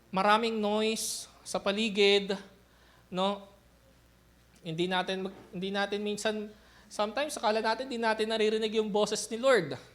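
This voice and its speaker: A young man delivers a sermon in a loose, talky way, his voice sitting noticeably high for a man. He keeps the congregation close with frequent short tag questions, mixing explanation with everyday asides. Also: a bit bright. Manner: conversational Taglish preaching with frequent "no?" tag questions. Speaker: pastor.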